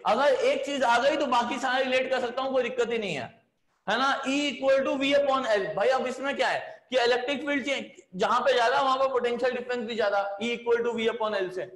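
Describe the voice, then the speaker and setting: A man's voice: very high voice, fairly quick, fairly bright tone, reverberant. A man teaching physics in a chatty lecture, coaxing his students along. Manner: chatty, coaxing, says "है ना" often. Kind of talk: classroom lecture.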